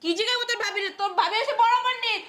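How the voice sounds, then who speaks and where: A woman doing a shrill, nagging old mother-in-law. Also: bright, forceful tone. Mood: scolding. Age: older. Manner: scolding, rapid-fire rhetorical questions, tagging "haan?".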